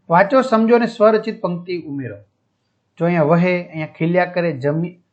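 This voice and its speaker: A man teaching a school lesson, going through textbook exercises step by step and checking in with his students. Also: sits high. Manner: explanatory, checks with listeners. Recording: dull lo-fi sound.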